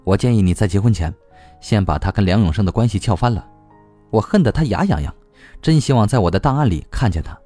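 A man's voice: on the low side, lively intonation, fast, warm tone, soft background music. A man reading a novel aloud, voicing a blunt young woman who speaks vehemently and decisively. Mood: furious. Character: blunt, fierce young woman, the heroine's cousin.

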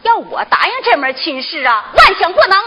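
A woman's voice: very high voice, big pitch swings, brisk, sharp tone, heavily acted. An actress playing a worried, pleading mother of a sick girl in northeastern folk opera dialogue, with a Northeast Chinese accent. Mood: fretful.

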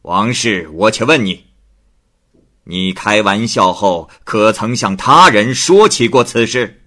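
A stern magistrate of old China, voiced by a male storyteller interrogates in a loud, drawn-out way. The voice is bright yet husky, with pitch that leaps widely. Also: lively intonation, exaggerated voice. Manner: barks questions, drawn-out threatening delivery.

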